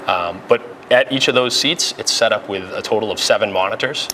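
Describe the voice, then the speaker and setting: Leading an interview and tour, a police dispatch supervisor walks through things step by step in an informal way. His voice is on the low side with a sharp tone, and he speaks fairly quickly against clearly noisy room ambience.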